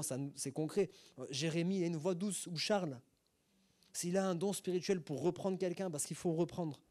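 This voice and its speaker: A man's voice: high voice, a little mellow. A middle-aged man, a pastor, teaching a sermon in a conversational way with many asides and rhetorical questions. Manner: acts out short sung and spoken examples. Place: church hall.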